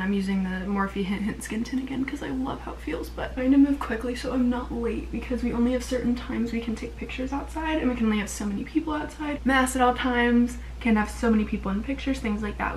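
A young woman chatting casually in a vlog with a bubbly, excitable sorority-girl manner, using lots of "like" and emphatic repeats. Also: a little high. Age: young adult. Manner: frequent "like" and "literally". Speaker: vlogger. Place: small indoor rooms, bathroom and bedroom. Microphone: camera at arm's length. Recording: noisy handheld camera audio.

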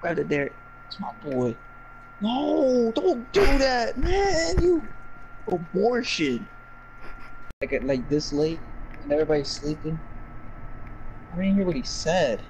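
A young man trash-talking his friends while gaming, loud and profane, teasing and breaking into shouts. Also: a little high, very animated, measured pace, long pauses, a little hiss or hum, poor audio. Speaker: gamer.

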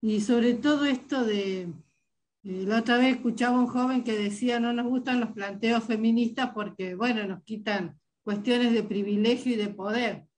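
A woman's voice: a little high, normal speed, darkish tone, low-quality recording. An older woman with a bad cold giving an informal comment on a video call, hesitantly thinking aloud. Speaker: webinar participant. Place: indoor room at home on a video call.

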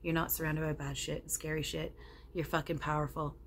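A woman's voice: deep voice, level tone, brisk. A woman medium channeling a blunt, loving, foul-mouthed male spirit, speaking in an emphatic, preachy and reassuring way. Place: home living room. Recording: noticeable background room noise.

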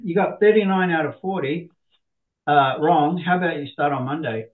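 A man putting on a brisk, upbeat plumbing boss. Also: a little high, roomy sound, distant mic, pitched above the performer's own voice, natural voice. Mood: cheerful. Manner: pushy, cheerful, quick to decide. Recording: tinny phone-like line.

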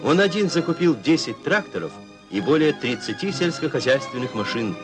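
A man reads an old newsreel voice-over in a formal, declaiming announcer style. His pitch swings widely and expressively as he presents each item. Clear music plays under his voice throughout. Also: sing-song, moderate pace. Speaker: newsreel narrator.

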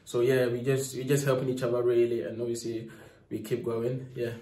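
Speaking fairly quickly in a flat, medium-pitched voice, a young footballer gives a soft-spoken post-match interview full of fillers and repeated "obviously"s. It's recorded on a phone the reporter holds near him, in an echoey press room with a sponsor board behind him.

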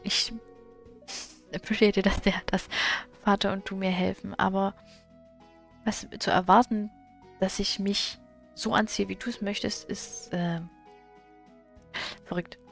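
Woman doing a defiant teen girl from a farming game, fed up, gravelly voice. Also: mid-range voice, little pitch movement, a little slow, long pauses, faint music behind. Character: defiant teenage girl arguing with her mother.

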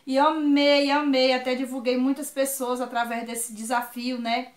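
A woman's voice: high-pitched, flat delivery, moderate pace, reverberant. A woman from Ceará with a Northeastern Brazilian accent, chatting effusively and exclaiming often as she unboxes on her vlog. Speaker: vlogger.

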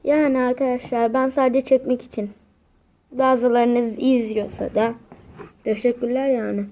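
A woman's voice: fairly high pitch, level tone, moderate pace, warm tone. A young woman giving casual, dramatic commentary while playing a video game, often exasperated and repeating her exclamations. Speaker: gaming video creator.

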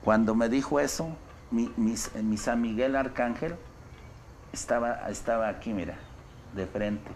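A man's voice: lowish voice, darkish tone, slight background noise. A man, a traditional healer, earnestly recounting a personal story, repeating words as he goes. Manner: earnest, repeats words, acts out quoted dialogue.

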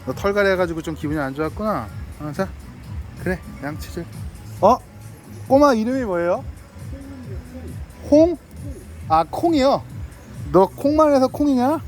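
A man's voice: sits high, lively intonation, normal speed, pauses often, a little mellow, soft background music. A man vlogging outdoors, chatting playfully with dogs and their owner in a coaxing, friendly way and laughing often. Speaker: delivery driver vlogger. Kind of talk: casual talk to dogs and owner.

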